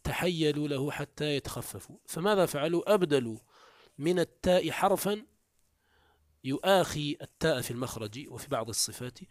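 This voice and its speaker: A man teaching a classical grammar lesson, explaining step by step, asking and answering his own questions and slowly repeating words to drill them. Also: a little high, animated, no echo, clean studio sound. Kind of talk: classical Arabic morphology lesson.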